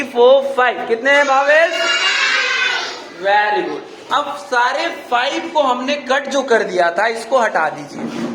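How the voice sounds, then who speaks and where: A male teacher giving a grammar lesson to a class, repeating questions and mildly scolding students who do not listen. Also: very high-pitched. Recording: echoey classroom with background noise.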